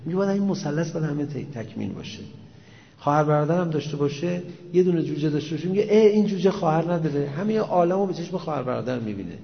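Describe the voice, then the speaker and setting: A man's voice: a little high, lively intonation, gravelly, big-room sound, dull audio. A man giving a religious lecture in a conversational way, full of rhetorical questions and acted-out dialogue. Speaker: preacher.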